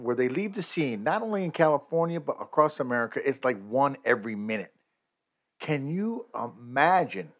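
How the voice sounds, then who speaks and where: A man hosting a podcast, ranting emphatically about hit-and-run drivers. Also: a little high. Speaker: podcast host. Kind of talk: opinionated podcast commentary.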